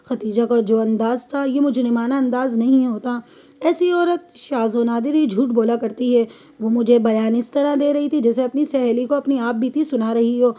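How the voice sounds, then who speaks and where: A woman narrating a crime story in a steady, measured audiobook reading. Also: on the high side, muffled recording.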